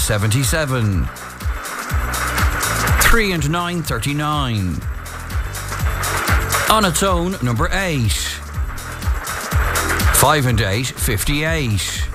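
An Irish man calls bingo on the radio in a fairly high voice. He reads each number out with sing-song, deliberate set phrasing. Music plays clearly behind him. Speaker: radio presenter and bingo caller. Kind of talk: bingo caller reading out numbers.

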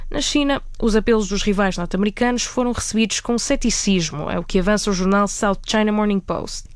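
A woman with a European Portuguese accent reads a scripted radio news report. She keeps a steady, measured delivery. Her voice is smooth and sits dry and close to the mic. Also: medium pitch, dry recording.

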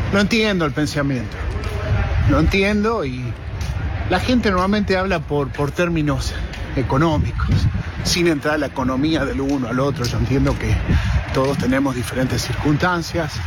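A man's voice: fairly high pitch, noisy background. Earnest middle-aged Argentine man. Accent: Argentine Spanish. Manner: earnest, reflective. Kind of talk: heartfelt testimonial. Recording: clip with music behind.

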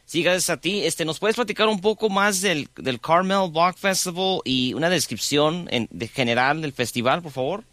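A man hosting a radio interview, friendly and halting, often repeating words. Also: a little high, sharp tone, no room sound. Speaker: radio host.

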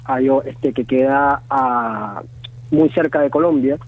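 A Venezuelan man in his thirties with a Venezuelan Spanish accent, speaking as a guest in a phone interview, halting and full of fillers and restarts. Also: medium pitch, fairly even intonation. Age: 30s. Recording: tinny phone line.

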